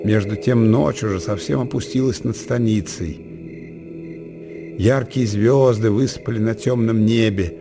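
A man narrating classic prose in a measured storytelling manner. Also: lowish voice, music in the background. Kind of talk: audiobook reading of classic prose.

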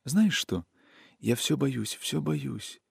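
A gentle young woman's voice, soft and caressing, with a wistful sing-song lilt lifted well above a man's range, as a male reader puts her on. It sits close and dry with no room around it. Her soothing folk phrasing carries the storybook along. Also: medium pitch, lively intonation, slow pace, vocal fry, husky, no echo, pitched above the performer's own voice, exaggerated voice. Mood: tender.

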